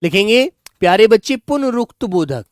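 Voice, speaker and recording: A male teacher giving a grammar lesson to children, slowly dictating and repeating words so they can write them down, and speaking affectionately to his pupils. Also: sits high, very animated, dry recording, studio quality. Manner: affectionate, calls students "beta".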